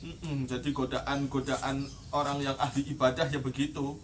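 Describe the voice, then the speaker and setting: A man's voice: medium pitch, level tone, moderate pace, recorded from a distance, slight background noise. A man with a Javanese accent teaching from a classical Islamic text, reading the Arabic, glossing it word by word in Javanese and then explaining it in Indonesian. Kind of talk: traditional pesantren kitab recitation and explanation.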